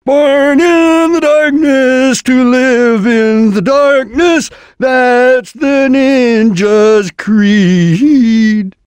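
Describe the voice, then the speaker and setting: A man's voice: very high voice, extremely slow, hardly any pauses, clear, resonant tone, no room sound, full character voice. A man playing a stern, disciplined ninja chameleon in a video game, speaking in solemn, formal, clipped declarations. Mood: intense battle cries. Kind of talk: video game character voice acting.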